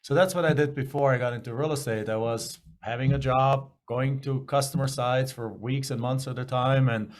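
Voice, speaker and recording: Interview guest: middle-aged man with a German accent, mid-pitched, candid and rambling. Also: steady tone, moderate pace, hardly any pauses. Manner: rambling, self-correcting, candid. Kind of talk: casual storytelling interview.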